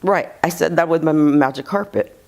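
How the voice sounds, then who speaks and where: A woman's voice: low-pitched, moderate pace, creaky, a little mellow. Woman, casual testimonial, rambling, giggly, many restarts. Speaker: reiki client giving a testimonial.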